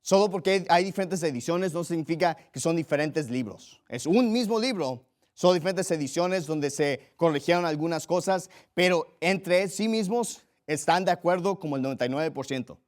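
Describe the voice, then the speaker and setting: A man from Mexico, a pastor, preaching a combative sermon in a forceful style, often restarting and repeating words as he drives home pointed questions. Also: fairly high pitch, moderate pace.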